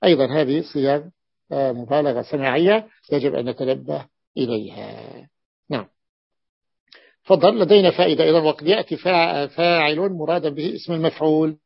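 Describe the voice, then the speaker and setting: A man with a gravelly, fairly high voice leads a classroom lesson, repeating key terms and stretching his fillers as he thinks. The recording is dull and lo-fi. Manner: repeats terms, many drawn-out "aah" fillers. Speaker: teacher of Arabic morphology. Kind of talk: classroom lesson explaining a text.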